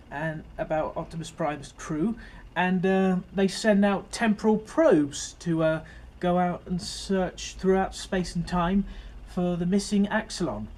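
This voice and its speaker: A man's voice: high voice, a little mellow, a little hiss or hum. A man giving a casual, rambling overview of an episode as host of his fan series, full of fillers and restarts.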